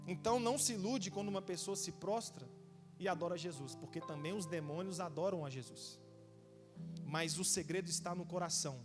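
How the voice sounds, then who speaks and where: A man preaching a dramatic sermon as pastor, swinging from loud to soft and acting out the voices he quotes. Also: high voice, a little fast, long reverb tail, music in the background. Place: church sanctuary.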